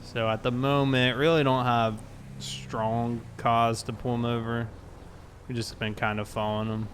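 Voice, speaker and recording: Playing a police officer in a casual roleplay, a man narrates and delivers dialogue in a conversational, explanatory way. His mid-range voice has little pitch movement and a measured pace. There's slight background noise.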